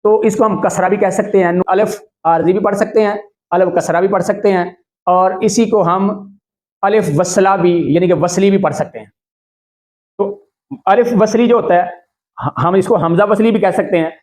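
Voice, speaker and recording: High-voiced man teaching Quran recitation. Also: a little mellow. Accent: Pakistani Urdu. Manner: explains then slowly chants the Arabic words, syllable by syllable; asks the viewer if it is clear. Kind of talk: step-by-step tajweed lesson.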